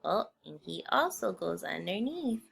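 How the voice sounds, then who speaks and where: A woman teacher giving a patient phonics spelling lesson, clearly sounding out each letter. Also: lowish voice, big pitch swings, a little slow, a bit bright.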